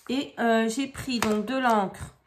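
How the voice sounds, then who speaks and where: A woman's voice: on the high side, steady tone, takes it slowly, a little hiss or hum. A woman chatting casually as she demonstrates scrapbooking at her craft table at home, improvising and often hesitating. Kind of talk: casual craft tutorial chat.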